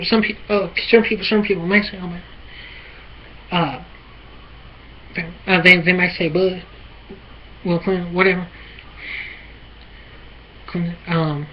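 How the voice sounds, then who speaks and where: An American woman talking alone in a halting, repetitive, rambling way, with many fillers and restarts. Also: fairly low pitch. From United States. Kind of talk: rambling solo monologue. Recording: muffled lo-fi with faint noise.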